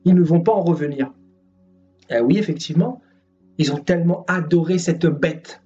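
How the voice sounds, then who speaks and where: A man's voice: a little high, normal speed, dark tone. A man preaching a sermon in a fervent, scolding way, repeating his phrases for emphasis. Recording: distant dull sound with music.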